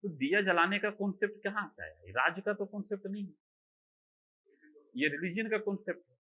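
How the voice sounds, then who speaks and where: In a low-quality recording, a man with a high-pitched, sharp voice teaches an online exam-prep class briskly and with lively intonation. He answers his own rhetorical questions and keeps checking whether students understand.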